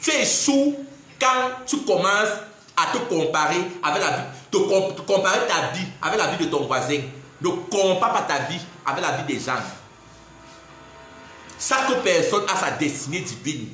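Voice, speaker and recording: This twentysomething man, a social media personality, speaks with a Cameroonian French accent in a high-pitched, very animated voice that's bright and forceful, at a moderate pace. Ranting indignantly in a live video monologue, he mocks his targets and laughs between jabs, all in a very echoey room.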